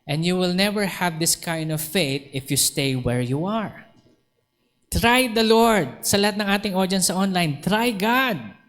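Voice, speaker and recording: A pastor with a high-pitched voice preaches to his congregation and acts out both sides of the conversations he retells. His voice rings through a church hall with long reverb. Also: animated, unhurried, fairly bright tone. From Philippines. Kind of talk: Taglish sermon with storytelling. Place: church sanctuary.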